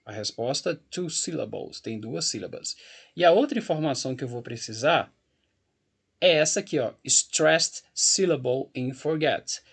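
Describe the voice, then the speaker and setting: Brazilian guy teaching english grammar online, kinda husky, slow patient explaining. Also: mid-range voice, animated. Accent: Brazilian Portuguese. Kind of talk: recorded grammar lesson with screen walkthrough.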